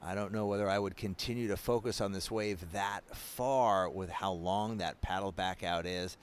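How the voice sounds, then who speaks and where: A man gives color commentary on a surf contest, his voice sitting on the low side. He breaks down each ride in a relaxed, analytical way. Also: moderate pace, slight background noise. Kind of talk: live sports commentary.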